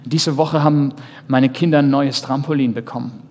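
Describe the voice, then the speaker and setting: A man in his thirties, a pastor, preaching a sermon earnestly, speaking straight to his listeners and shifting between loud and soft. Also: mid-range voice, fairly even intonation, moderate pace, a little hiss or hum. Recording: reverberant hall, faint ambience.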